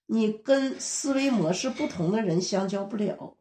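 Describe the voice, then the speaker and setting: Woman preacher, steady explanatory sermon delivery, mellow voice, echoey room. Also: medium pitch, normal speed. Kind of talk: sermon teaching.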